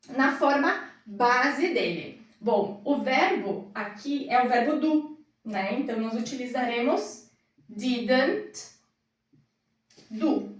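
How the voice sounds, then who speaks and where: Slow, patient woman teaching grammar. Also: a little high. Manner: slow, patient explaining at a whiteboard. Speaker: English teacher. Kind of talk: classroom grammar explanation. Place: indoor classroom with a whiteboard. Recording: roomy echo, mic far off.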